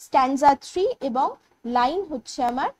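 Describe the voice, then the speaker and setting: A woman with a Bengali accent teaching an English poetry lesson online, explaining in Bengali mixed with English terms and reading the poem's lines slowly. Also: high voice, darkish tone, a little hiss or hum, low-quality recording. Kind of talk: online exam-prep lecture.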